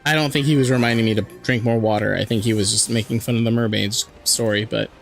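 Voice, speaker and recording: A man streaming a video game with a hoarse, sore throat, chatting and joking with his viewers over faint music. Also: on the low side, fairly even intonation, fast. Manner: chatty, joking, reads and answers chat. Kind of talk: casual live-stream chat while playing.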